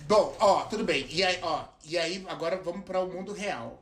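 High-pitched Brazilian man, animated venting. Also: fairly quick. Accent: Brazilian Portuguese. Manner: animated, laughing, vents with acted-out quotes. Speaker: podcast guest. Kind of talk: casual podcast chat. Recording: roomy echo.

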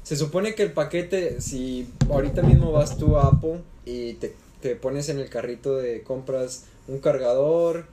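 A man's voice: medium pitch, a little slow, few pauses, warm tone, slight background noise, rough recording. A young man with a northern Mexican accent, bantering casually as a podcast co-host in a teasing, profane way.

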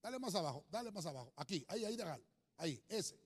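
Male preacher, high lively voice, rambling slide-show sermon in a reverberant hall. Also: fast talker. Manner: animated, addresses listeners as brother, rambling with restarts.

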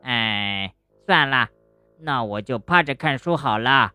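A woman's voice: medium pitch, expressive, normal speed, fairly bright tone, no echo, soft background music, close to an everyday voice. A woman voicing a cross, tearful young male animal in a children's bedtime story, sulky and whiny. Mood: sighing, halting. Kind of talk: storybook voice acting.

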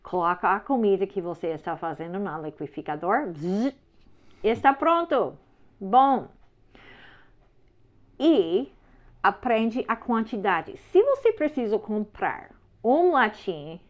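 A woman's voice: medium pitch, animated, a little slow. A woman teaching parents in a firm, simple way, often checking in with listeners. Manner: simple, slightly broken phrasing. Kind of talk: instructional talk. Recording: slightly dull lo-fi sound.

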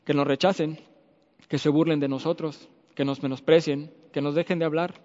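Mexican man, preacher, earnest testimony, slightly high voice, dull sound, long hall echo. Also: fairly even intonation, normal speed. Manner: earnest personal testimony, swings between loud and soft. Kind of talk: sermon.

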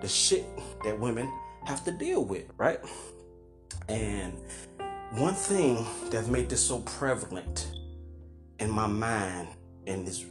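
A middle-aged man, hosting a podcast and telling a story in a loose, profane, animated way, acting out quotes and laughing. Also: lowish voice. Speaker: podcast host. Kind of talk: casual storytelling monologue.

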